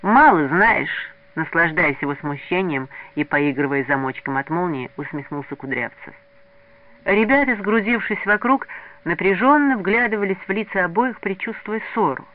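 A man reading a story aloud in an expressive way. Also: sits high, normal speed. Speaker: narrator. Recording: narrow lo-fi radio recording.

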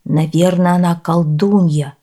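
A woman's voice: on the low side, fairly even intonation, unhurried, warm tone. A woman doing a stern, puzzled village baker.

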